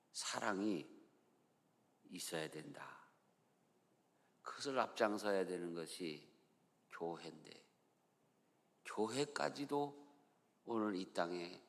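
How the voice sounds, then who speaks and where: A man's voice: low voice, gravelly, a bit bright, big-room sound. A male pastor with a Chungcheong accent, preaching a sermon in a folksy, storytelling way in a church. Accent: Chungcheong Korean. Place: church sanctuary.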